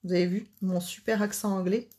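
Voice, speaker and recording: A woman's voice: medium pitch, steady tone, brisk, warm tone. A woman hosting a casual live card-making demonstration, chatting and joking with her viewers as she works.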